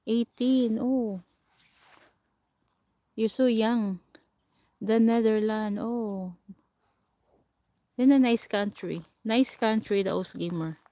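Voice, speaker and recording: A fairly high, mellow voice comes from a Filipino woman hosting a casual livestream. She takes her time and pauses often while answering viewer comments and laughing. She speaks with a Filipino accent, and her camera or phone mic, set a short way off, picks up no room sound.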